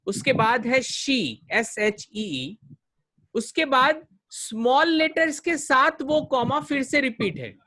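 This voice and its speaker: A man teaching vocabulary in an online class, drilling pronunciation by repeating words slowly. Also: very high voice, lively intonation, bright, forceful tone. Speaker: communication coach.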